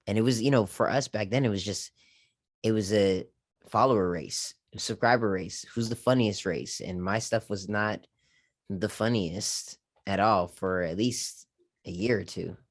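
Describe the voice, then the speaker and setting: Laid-back man with a low voice. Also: a little slow. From Japan. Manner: casual, easygoing storytelling with lots of fillers. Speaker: guest content creator. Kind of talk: relaxed podcast conversation.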